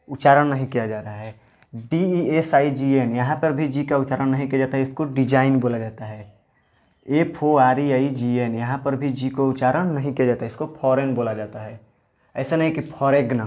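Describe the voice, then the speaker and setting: A male English teacher talks through pronunciation rules in Hindi at a middle pitch. He explains patiently and repeats himself often. He slows down to spell each example letter by letter. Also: darkish tone.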